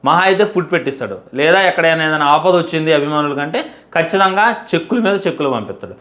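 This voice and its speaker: A young man delivers a heartfelt fan monologue, stacking up repeated phrases and pleading with the audience. His voice sits a little higher than most men's. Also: expressive, quick pace, sharp tone. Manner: emphatic, repetitive, pleading. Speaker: fan commentator.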